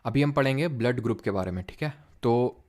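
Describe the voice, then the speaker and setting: A man's voice: mid-range voice, animated, fairly quick, a little mellow. Man teaching a live online class. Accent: Indian English terms mixed into Hindi. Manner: explains step by step, asks quiz questions, says "ठीक है" often. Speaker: online tutor.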